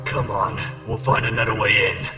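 A man's voice: on the low side, flat delivery, normal speed, roomy sound, loud music behind the voice, close to an everyday voice. A man voicing an angry young villain in a theatrical anime-dub boy style, taunting and menacing in a horror game. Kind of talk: scripted horror game acting.

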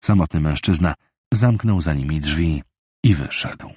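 A man narrating a thriller audiobook in a steady, measured storytelling voice. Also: a bass voice, breathy edge, dry recording, clean studio sound.

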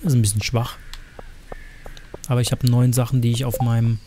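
A man's voice: medium pitch, flat delivery, a little fast, noisy background. A man giving casual, chatty gameplay commentary as a streamer, joking around and cursing in crude asides to his chat.

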